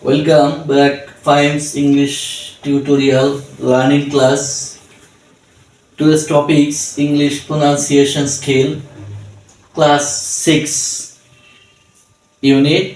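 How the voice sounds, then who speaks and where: A man's voice: a little high, a little mellow, far from the mic. A man with a Bangladeshi accent teaching English pronunciation to children, spelling words letter by letter and sounding out each syllable. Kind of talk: slow tutorial for children. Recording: echoey room, speaker away from mic.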